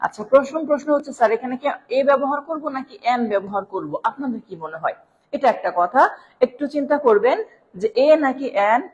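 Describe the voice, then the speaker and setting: A woman with a Bangladeshi Bengali accent gives a live online grammar lesson in a fairly high voice. She explains patiently, step by step, checking in with her listeners as she goes. A long reverb trails each phrase. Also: expressive, fast, muffled recording. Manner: explanatory, checks in with "right?", addresses viewers as "sir". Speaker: English grammar teacher.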